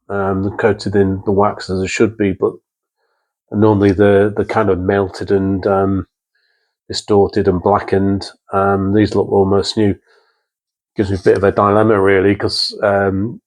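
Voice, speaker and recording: At an indoor workbench in a small workshop, the presenter of a vintage radio restoration channel gives unscripted hands-on commentary. His fairly low, slightly mellow voice is matter-of-fact and methodical, with hesitant phrasing.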